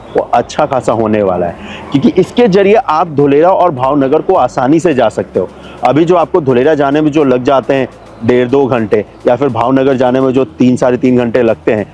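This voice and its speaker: A man's voice: medium pitch, dark tone, highs cut off, a little hiss or hum. A man giving casual commentary for his video channel as he drives a new expressway and stops at a building site, explaining things to viewers in a chatty way. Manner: chatty, explains to viewers, calls them brother and friends. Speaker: travel and real estate vlogger.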